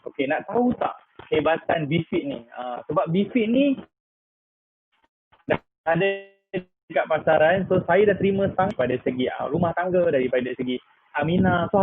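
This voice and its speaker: A man in his thirties with a Malaysian Malay accent, giving a chatty live product talk full of "ah" fillers and English words. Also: a little high. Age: 30s. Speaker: product presenter. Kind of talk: live online sales talk. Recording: tinny phone-like line with faint noise.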